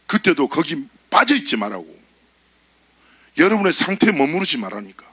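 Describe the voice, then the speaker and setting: A man preaching a youth sermon at church, animated and joking as he acts out funny stories. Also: on the high side, moderate pace, husky, dry recording. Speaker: youth pastor.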